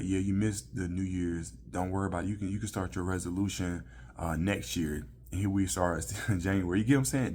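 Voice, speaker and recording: A man's voice: low voice, a little mellow, a little hiss or hum. A man hosting a vlog, giving casual motivational talk in a loose, conversational way with lots of fillers. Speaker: vlog host.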